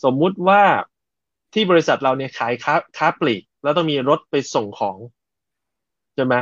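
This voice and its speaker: A middle-aged man with a somewhat high voice talks as a coach in a relaxed podcast chat. He explains through stories and repeats phrases to drive a point home. The sound is dry and a little muffled. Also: normal speed, no echo. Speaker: agile coach.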